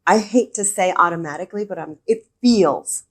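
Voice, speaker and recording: A woman's voice: fairly low pitch, moderate pace. A woman from El Paso, Texas, talking as a guest on a business podcast, enthusiastic and emphatic, often repeating her key words. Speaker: podcast guest, regional director. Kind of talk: conversational podcast interview.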